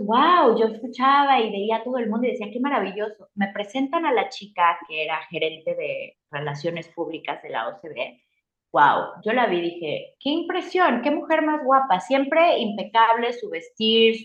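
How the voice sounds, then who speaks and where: Animated Mexican woman telling her story. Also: a little high. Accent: Mexican Spanish. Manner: animated, acts out her own past reactions. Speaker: guest. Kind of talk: casual storytelling interview. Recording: roomy, slightly dull sound.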